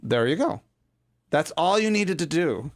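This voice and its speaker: A man's voice: fairly high pitch, sing-song, measured pace. A man hosting a podcast in casual chat, blunt and teasing, who swears freely. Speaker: podcast host.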